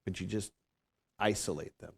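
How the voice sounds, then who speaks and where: A gravelly, fairly low-voiced guest preacher in his fifties gives a sermon in a church sanctuary with a Pacific Northwest American accent, speaking at normal speed. His delivery is conversational and self-deprecating, full of restarts, with a steady creak throughout.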